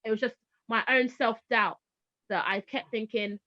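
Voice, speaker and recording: A high-pitched woman from Barbados, a teacher turned homeschooling parent, tells lively stories in a casual interview. She acts out the people she quotes. The sound is dry and a little dull, like a lo-fi recording. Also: moderate pace, no echo. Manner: animated storyteller, acts out quoted voices. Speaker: guest, former teacher now homeschooling parent.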